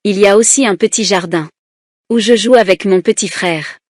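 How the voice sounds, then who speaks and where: Woman teacher, children's lesson reader, deliberate syllable-by-syllable delivery, dry mic. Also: mid-range voice, a little mellow, no echo. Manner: slow, deliberate, splits words into syllables. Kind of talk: reading a children's lesson aloud.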